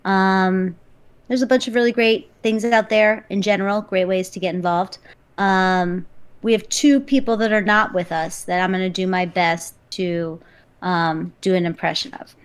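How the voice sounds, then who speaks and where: A woman's voice: medium pitch, moderate pace, clear, resonant tone. A woman co-hosting a live stream, chatting casually and listing things with lots of ums. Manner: relaxed, lists things with many ums. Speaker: co-host and esports director. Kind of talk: casual livestream chat. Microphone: live stream microphone.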